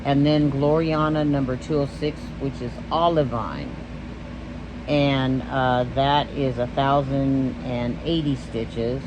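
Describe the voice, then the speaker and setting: With a bass voice and an unhurried pace, a woman from Texas rambles through her stitching vlog, frequently losing track of what she was saying. It's casual show-and-tell talk, with noise in the background.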